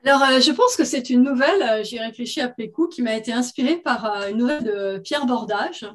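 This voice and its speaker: A woman reads her own fiction aloud in a somewhat high voice. She lifts and presses her tone for quoted dialogue. When she talks about the story, she hesitates and fills with little pauses. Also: fairly bright tone. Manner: acts out dialogue with raised pitch and force; hesitant with many fillers when chatting. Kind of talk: expressive reading aloud of fiction, then casual chat.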